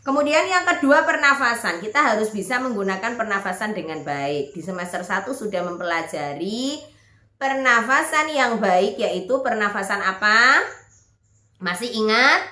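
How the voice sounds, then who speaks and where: A woman's voice: medium pitch, animated, moderate pace, bright, forceful tone. A woman music teacher giving an online lesson, explaining step by step and checking that students follow. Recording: echoey room.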